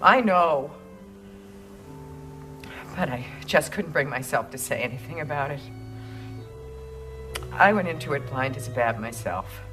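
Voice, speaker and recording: A woman's voice: low-pitched, lively intonation, a little slow, pauses often, music in the background. An actress playing a troubled middle-aged mother in a 1940s film, speaking earnestly and indignantly.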